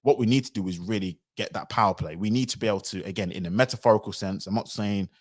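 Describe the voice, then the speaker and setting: A man giving animated livestream commentary, sometimes acting out other people's voices. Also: on the low side, fast. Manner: animated, acts out quoted voices.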